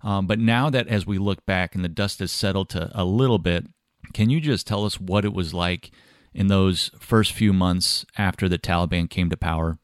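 Hosting an interview podcast, this man speaks in a smooth, low voice, and his questions come across as sincere and measured. There is no echo or room sound, just a dry, close recording.

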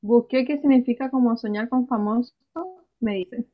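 A young woman co-hosting a casual podcast, telling animated stories about school days. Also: fairly high pitch, normal speed. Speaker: podcast co-host. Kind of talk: casual chat. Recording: slightly dull lo-fi sound.

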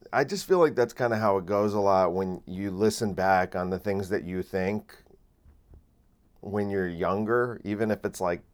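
A man in his late twenties hosting a casual solo podcast, rambling with many fillers and restarts, recorded on a microphone. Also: low voice. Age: late 20s. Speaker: podcast host. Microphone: phone camera and separate microphone.

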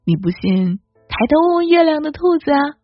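A woman's voice: high-pitched, sing-song, moderate pace, dry recording, lo-fi sound, soft background music, pitched above the performer's own voice. A woman voicing a sly but devoted young male fox in a storybook reading, coaxing and playful.

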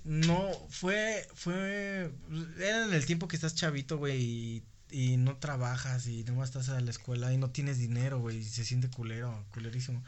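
A man's voice: mid-range voice, steady tone, moderate pace, hardly any pauses. A man with a Mexican accent chatting casually and telling anecdotes among friends, with plenty of slang and swearing. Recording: clear background noise, clicks.

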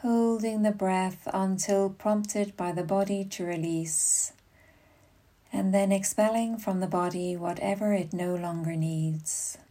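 A woman guides a yoga nidra meditation, giving soothing, unhurried instructions with long pauses. Her voice is medium-pitched and dark, with fairly even intonation.

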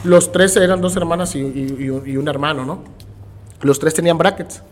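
Man, Mexican Spanish accent, podcast guest, animated storyteller, mimics other people's voices, somewhat high voice. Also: normal speed. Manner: animated, acts out the voices of people in his stories. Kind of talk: casual storytelling interview.

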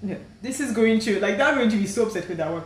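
A woman co-hosts a relaxed podcast from her kitchen, mid-pitched and chatty. She restarts sentences often and laughs easily, and her voice rings with the echo of a hard-walled room. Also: quick pace. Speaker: podcast co-host. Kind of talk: casual chat. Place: home kitchen. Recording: echoey kitchen.

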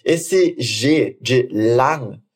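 A man teaching German, saying phrases slowly for the learner to repeat and then explaining them quickly. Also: mid-range voice, lively intonation. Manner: slow, deliberate model phrases alternating with quick explanations. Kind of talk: language lesson with repeat-after-me drills.

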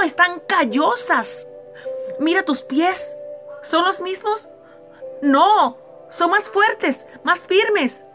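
Patient reassuring God in a read-aloud parable, voiced by a woman, gentle but pitched high. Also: exaggerated voice.

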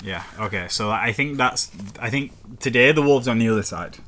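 Northern english guy, sweary rambling podcast chat, bright sharp tone. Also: mid-range voice, lively intonation, a little fast. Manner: rambling and sweary, reading facts aloud. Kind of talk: casual chat.

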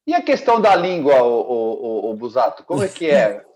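A man co-hosting an interview, joking around with slangy, animated questions. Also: medium pitch, brisk. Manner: jokey, animated, slang-heavy. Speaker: co-host. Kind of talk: casual interview chat.

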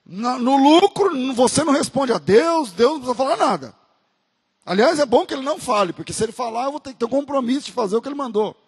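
A Brazilian pastor preaches in a notably high, husky voice, pressing his points with emphatic questions. He slips into the voices of church members to make them vivid. His words ring out with a long reverb, as in a church hall. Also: expressive, fast. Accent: Brazilian Portuguese. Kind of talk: sermon.

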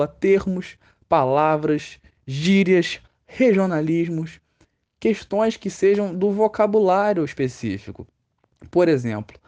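A man's voice: a little high, darkish tone. A man with a Brazilian Portuguese accent explaining a lesson on a podcast, asking questions aloud and answering them himself. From Rio de Janeiro, Brazil. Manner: asks and answers his own questions. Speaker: teacher.

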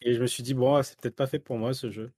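A man's voice: mid-range voice, steady tone, fast, mellow, no echo, studio quality. A man co-hosting a gaming stream, telling a story about himself in a chatty, self-mocking way. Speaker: co-host. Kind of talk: casual stream chat.

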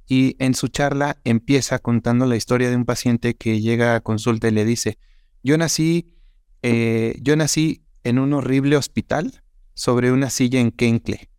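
A man's voice: mid-range voice, darkish tone, smooth, dry recording, clean studio sound. A man, co-hosting a podcast and musing aloud in a thoughtful, questioning way. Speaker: podcast co-host. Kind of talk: reflective casual chat.

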